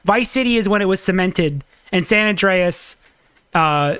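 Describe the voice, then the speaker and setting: A man's voice: high-pitched, lively intonation, unhurried, a bit bright, clean tone, no echo. Heated man in his thirties arguing. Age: 30s. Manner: heated, swearing, argumentative. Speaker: podcast co-host. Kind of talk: casual podcast chat.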